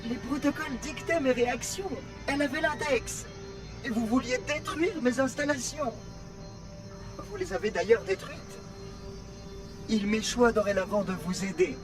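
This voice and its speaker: An actor playing a fussy, polite robot caretaker with a prim, formal and precise way of talking, in a video game. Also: male voice, very high-pitched, normal speed. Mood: prim, insistent. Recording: music behind the voice.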